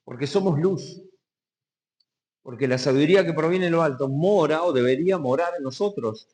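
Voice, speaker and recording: Rioplatense pastor preaching in a reverberant hall. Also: male voice, on the high side, moderate pace, a little mellow. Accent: Rioplatense Spanish. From Argentina. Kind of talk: sermon. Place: community hall.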